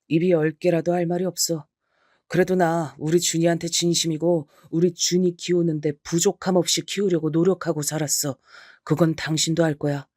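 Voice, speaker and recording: A man playing a cheating middle-aged husband who confesses in a calm, matter-of-fact way, for an audio story. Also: on the high side, no room sound, clean studio sound, lightly acted. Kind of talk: audio drama reading.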